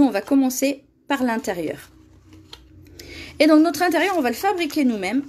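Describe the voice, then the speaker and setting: High-voiced chatty woman crafter. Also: darkish tone. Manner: chatty, laughs often, reads viewer comments aloud. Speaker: crafting demonstrator. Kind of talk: live craft tutorial.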